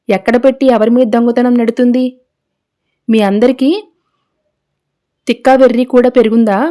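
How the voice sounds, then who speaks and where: A woman reading as a sharp-tongued young woman. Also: on the high side, close to an everyday voice. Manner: angry, retorting.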